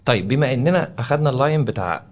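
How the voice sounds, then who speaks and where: A man with an Egyptian Arabic accent, an interviewer who asks brisk, probing questions and gives quick short replies. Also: medium pitch, expressive.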